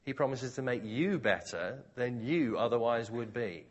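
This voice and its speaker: A man preaching a sermon, expounding scripture in a conversational, expository way. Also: normal speed. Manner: conversational, expository, with lively pitch.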